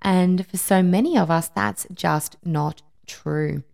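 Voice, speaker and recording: Woman podcaster chatting advice, empathetic, bit low, lots of vocal fry, stresses words. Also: slow pace, a little mellow. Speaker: podcast host, life and wellbeing coach. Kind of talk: conversational, personal advice talk.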